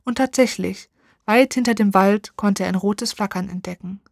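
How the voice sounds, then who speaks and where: A woman reading a fairy tale aloud, expressive and dramatic, slowing down for tense moments. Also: medium pitch, vocal fry, no echo, studio quality. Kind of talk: storybook narration.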